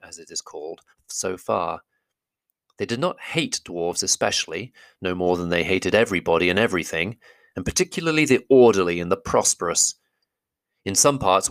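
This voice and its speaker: A man narrating a classic fantasy novel as an audiobook, with a steady, measured storytelling delivery. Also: low-pitched, no room sound. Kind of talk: audiobook reading.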